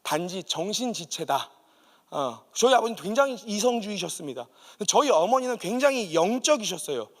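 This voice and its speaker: Brief: male pastor, high and very animated delivery, vivid storyteller, sanctuary reverb. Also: moderate pace. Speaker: guest pastor. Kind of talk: sermon with personal testimony. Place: church sanctuary.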